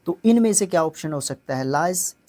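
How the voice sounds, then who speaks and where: Mellow-voiced male exam-prep teacher. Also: on the high side, expressive, fairly quick. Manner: explanatory, keeps checking in with "theek hai". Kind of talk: exam-prep English grammar lesson.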